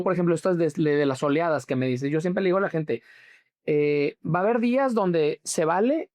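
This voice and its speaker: A man's voice: fairly high pitch, a little mellow. Mexican man explaining grief therapy. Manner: explanatory, checks understanding often. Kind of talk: interview answers.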